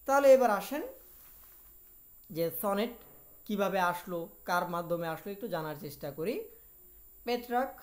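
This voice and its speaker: A woman's voice: mid-range voice, expressive, moderate pace, pauses often. Woman teaching a literature lesson. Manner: explains each point in Bengali after reading it in English; asks rhetorical questions and answers them herself. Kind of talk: video lecture.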